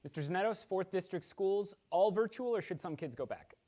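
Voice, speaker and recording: A man moderating a virtual candidate forum, asking brisk, direct questions. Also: sits high, mellow. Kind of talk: debate moderation. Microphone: video call.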